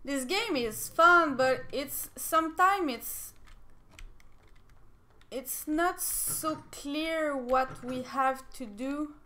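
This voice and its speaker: A young French woman with a French accent, chatting excitedly while playing a game, laughing often and breaking into squeals and shouts. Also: high voice, extremely slow. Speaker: game streamer. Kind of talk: casual gameplay commentary.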